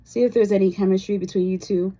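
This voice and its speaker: A woman vlogger chatting casually while doing her makeup, relaxed, with lots of "you know" fillers. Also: mid-range voice, fast talker. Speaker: beauty vlogger. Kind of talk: casual chat during a makeup tutorial.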